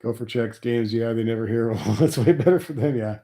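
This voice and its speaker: A middle-aged man from Nebraska hosts a live chat, rambling and complaining wryly about taxes while sniffly from a cold. He speaks a little fast, with a warm, mid-range voice.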